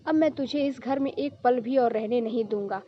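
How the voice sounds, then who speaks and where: A woman's voice: fairly high pitch, normal speed, highs cut off, lightly acted. A woman voicing an angry young husband. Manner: scolding, indignant.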